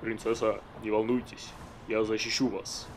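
A man's voice: on the low side, level tone, normal speed, noisy background, close to an everyday voice. A man voicing a blustering knight captain. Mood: triumphant. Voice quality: blustering, shouting. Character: loud blustering middle-aged male knight captain. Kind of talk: animated film dub. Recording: film dub with music underneath.

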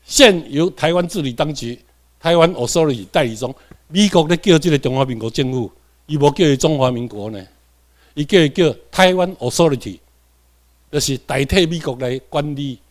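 A man's voice: on the high side, moderate pace. A man from Tainan, Taiwan, with a Taiwanese accent, giving a classroom lecture. He repeats key points and keeps checking in with his students.

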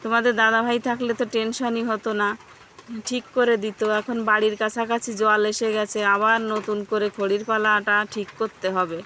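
Woman family vlogger, higher-pitched, chatty, on a noisy outdoor phone recording. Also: level tone, normal speed, pushed and bright. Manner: chatty, addresses viewers as friends. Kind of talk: casual vlog narration. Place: outdoors at a rural home.

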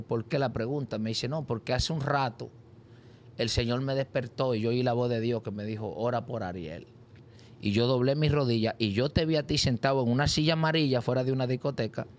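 A man telling his life story in an interview, acting out the voices of the people in it. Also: a little hiss or hum. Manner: acts out voices in his story with sudden high cries. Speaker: interview guest. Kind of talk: animated personal testimony.

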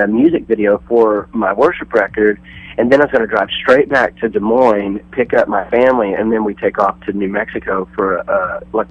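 Male musician phoning in to a radio show, deeper voice, dry phone sound, loose rambling storyteller. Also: dry recording, highs cut off. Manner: rambling storyteller acting out quoted people. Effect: over the phone. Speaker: touring musician guest. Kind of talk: casual radio phone interview.

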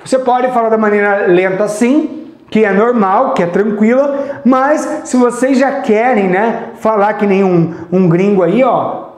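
Brazilian man teaching English live, high voice. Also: echoey room. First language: Portuguese. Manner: chatty, encouraging, repeats example phrases slowly; sings snippets of songs to teach. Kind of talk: live online English lesson.

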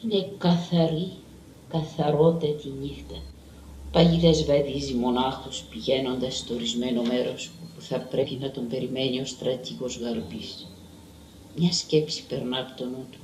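A man giving a measured, dramatic literary reading of a story. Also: medium pitch, fairly even intonation, noisy background. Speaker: reader. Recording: roomy and distant.

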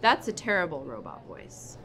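A woman's voice: on the low side, sing-song, normal speed. A woman acting in a student film, playing a strict, sarcastic new vice principal with a dry, commanding manner. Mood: stern. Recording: noisy amateur school video recording.

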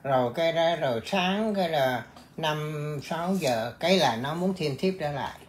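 A man who is a Buddhist monk, in casual conversation, with a Vietnamese accent, speaking haltingly with many fillers. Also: a little high, animated, slight background noise. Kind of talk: casual chat.

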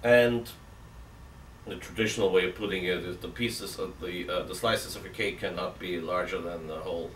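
The speaker, a middle-aged priest, sits for a catechism talk in an indoor room with an armchair, reasoning aloud through emphatic rhetorical questions as both hands gesture. His low-pitched voice keeps a fairly even intonation and fairly bright tone at normal speed. It's recorded distant from the mic, roomy, with faint hiss.

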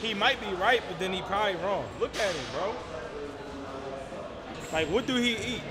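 An athlete banters casually in a large indoor gym, full of laid-back slang and trash talk. His voice sits high and moves at a moderate pace over a noisy crowd, with loud gym music playing over him in the recording.

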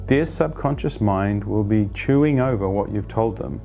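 A man in his fifties explaining a team planning practice to camera as an agile coach, conversational and animated, on a lapel mic in a plain studio. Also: on the low side, normal speed, gravelly, soft background music. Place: plain studio against a light wall.

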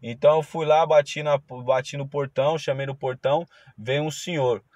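A man, a driver telling a story in a casual vlog, moralizing and slow. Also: a little high, fairly even intonation, darkish tone, no echo. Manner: moralizing, preachy, slow and drawn out. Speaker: ride-hailing driver.

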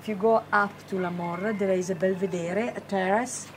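A woman who is a native Italian speaker, translating into English on an outdoor terrace and pausing as she searches for words. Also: medium pitch, fairly even intonation, noisy background. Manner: translating with hesitations. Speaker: interpreter. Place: outdoor terrace over vineyards.

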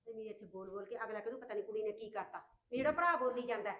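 An actress playing a mother who tries to calm her angry son while scolding her daughter. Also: on the high side, very fast, close to an everyday voice. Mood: stern. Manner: soothing yet stern.

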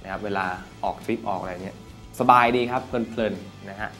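A man giving a casual, upbeat product review with a chatty sales pitch. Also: steady tone, fairly quick, pushed and bright, soft background music.

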